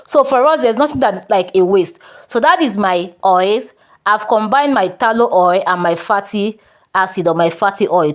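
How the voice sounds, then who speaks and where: A woman with a Nigerian accent giving a brisk, chatty soap-making tutorial and talking straight to her viewers. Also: mid-range voice. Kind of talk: casual tutorial talk.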